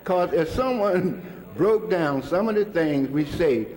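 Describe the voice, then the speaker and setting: A man's voice: high voice, lively intonation, measured pace, a little mellow. An older man telling stories to an audience in a colloquial way, chuckling often. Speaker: speaker recalling a mentor. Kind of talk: storytelling talk to an audience.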